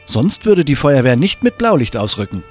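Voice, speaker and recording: A man's voice: mid-range voice, sing-song, normal speed, faint music behind. A man voicing a ten-year-old boy who lectures his friends like a know-it-all. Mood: smug. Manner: smug, lecturing.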